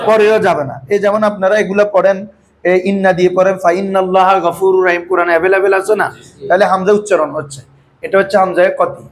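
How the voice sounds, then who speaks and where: A man teaching Arabic grammar in a classroom, explaining patiently in colloquial speech and quizzing his students with constant questions. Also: sits high. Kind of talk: classroom lecture with call-and-response. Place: classroom with students seated in front.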